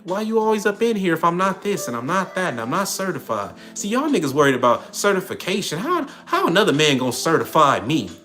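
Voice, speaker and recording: A man's voice: on the high side, a bit bright. A man hosting a livestream in casual talk, reading and answering chat comments in a streetwise, preachy manner. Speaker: livestream host.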